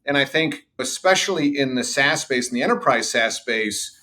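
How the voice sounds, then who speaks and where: With lively intonation, a medium pitch, and a moderate pace, a middle-aged sales executive confidently recounts episodes from his career in a podcast interview. He claims to have a loud voice.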